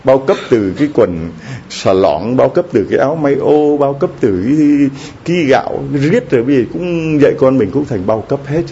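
Warm-voiced priest preaching. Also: male voice, medium pitch, lively intonation, normal speed, hardly any pauses. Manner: conversational preaching with frequent rhetorical questions to the congregation. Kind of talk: sermon. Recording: slightly dull lo-fi recording with faint background noise.

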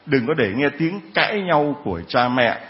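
A man's voice: mid-range voice, sing-song, moderate pace, dull audio. A male priest preaching to his congregation in a jovial, teasing way, calling on people in the pews. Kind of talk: sermon.

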